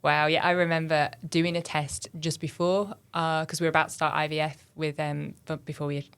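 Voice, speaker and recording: A woman hosting a podcast, sharing her own memory in a reflective, halting way. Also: deep voice, flat delivery, a bit bright, smooth. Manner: reflective, halting with fillers and restarts. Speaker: podcast host. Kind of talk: conversational interview.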